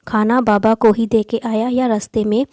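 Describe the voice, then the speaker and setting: A woman's voice: a little high, level tone, moderate pace, no echo, studio quality, lightly acted. A woman voicing a harsh scolding stepmother. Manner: scolding, sharp-tongued, shouts. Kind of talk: storybook voice acting.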